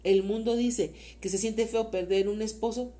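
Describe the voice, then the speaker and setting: Mexican mother, interview guest, warm mellow tone, earnest and rambling, full of faith. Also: on the high side, steady tone, moderate pace. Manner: earnest, faith-filled, rambling with many fillers. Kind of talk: casual heartfelt conversation.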